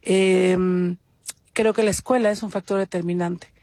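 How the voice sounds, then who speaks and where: A woman's voice: on the low side, steady tone, unhurried, a little mellow, dry recording, clean studio sound. A woman from Mexico City with a Mexico City Spanish accent, leaving a recorded voice message for a radio show as a caller, earnest and fluent. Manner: earnest, fluent, lists things in long runs. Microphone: phone voice note.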